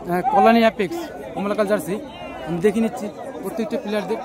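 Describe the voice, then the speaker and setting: High-pitched man calling live football. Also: fairly even intonation, racing. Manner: repeats phrases over and over. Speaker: football commentator. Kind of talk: live play-by-play football commentary. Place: outdoors at a local football ground. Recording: outdoor recording with loud crowd.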